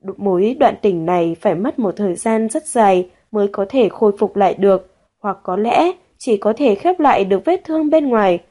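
Woman, audiobook narrator, warm mellow voice, measured storytelling. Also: medium pitch, lively intonation. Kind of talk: audiobook narration of a romance novel.

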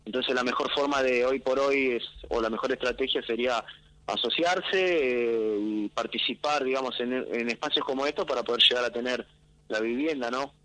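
A young man with a Rioplatense Argentine accent, heard over a speakerphone call as he gives a live field report from an outdoor event, talking in a relaxed, chatty way and leaning on fillers. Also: mid-range voice, normal speed, dry recording, low-quality recording. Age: young adult. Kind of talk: live phone-in report on a radio show. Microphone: mobile phone.

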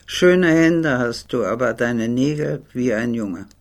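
A woman's voice: a bass voice, expressive, takes it slowly, darkish tone, exaggerated voice. A woman reading a curt, dry-spoken man. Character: reserved adult man, dry and impatient.

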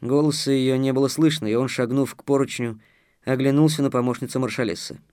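A man narrating an audiobook in a measured, expressive way. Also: mid-range voice, no room sound, studio quality. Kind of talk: scripted narration.

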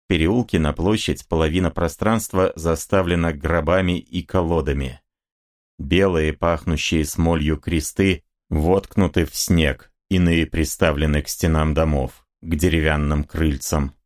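A man narrating an audiobook in a vivid, expressive reading. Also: rumbling low, a little slow.

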